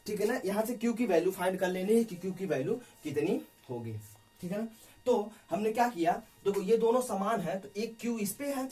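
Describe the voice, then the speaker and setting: A man's voice: high voice, a little mellow, far from the mic. A male teacher explaining a physics problem at the board, constantly asking rhetorical questions and checking in with his students. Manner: keeps asking rhetorical questions and adding "ठीक है ना". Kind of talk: physics lesson worked on a board.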